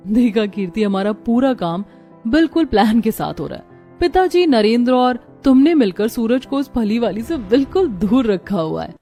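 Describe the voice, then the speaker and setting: A woman's voice: fairly high pitch, animated, normal speed, mellow, faint music behind. A woman voicing a sly, snobbish elder sister-in-law who talks conspiratorially. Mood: scheming.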